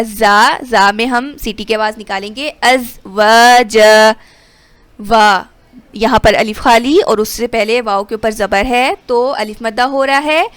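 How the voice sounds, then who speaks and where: Woman teaching slow Quran recitation. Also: on the high side, a bit bright, clear, resonant tone, no room sound. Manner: explains quickly, then recites verses slowly and drawn out. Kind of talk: tajweed lesson with recitation.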